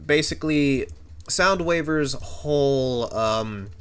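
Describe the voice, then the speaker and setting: A young man in his twenties hosts a casual podcast interview. He reads out listener questions in a relaxed, halting way, with a mid-pitched voice. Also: clean tone. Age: 20s. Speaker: podcast host.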